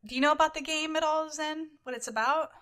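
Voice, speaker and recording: Woman, podcast co-host, bright voice, slightly high, rambling casual chat. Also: quick pace. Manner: rambling storyteller, animated, says "like" often.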